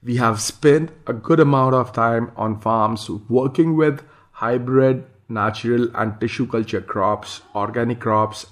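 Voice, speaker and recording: A man from India talks through a slide presentation on farming, reading the text aloud and stopping now and then to add his own remarks. His voice sits at a middle pitch, and he often hesitates between points. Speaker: farm owner presenting slides.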